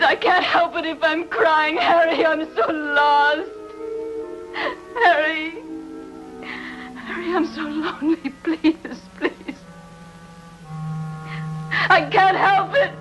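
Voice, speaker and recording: Actress as a desperate lonely woman, crying, halting pleading, high-pitched, 1950s TV drama, music score behind. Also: close to an everyday voice, poor audio. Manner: halting, stammering, tearful pleading. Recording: old TV soundtrack with music score.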